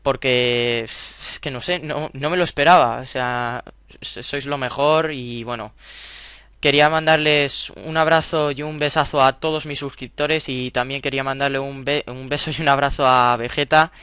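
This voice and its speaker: A man with a Spain Spanish accent addresses his subscribers in a casual, earnest way that rambles a little. His voice is bright and crisply clear. The recording is dry and close, with no room sound. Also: mid-range voice, steady tone, normal speed, no echo. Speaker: youtuber host.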